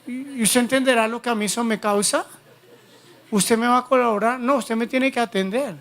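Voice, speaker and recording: A pastor preaching a sermon, reading Bible passages aloud with dramatic pauses. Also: male voice, extremely high pitch, steady tone, fairly bright tone. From Colombia.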